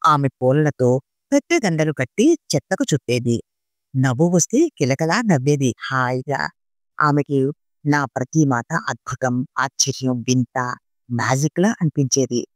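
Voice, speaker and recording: A woman narrating an audiobook story reading in an expressive storytelling manner. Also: extremely low pitch, unhurried, no echo, studio quality.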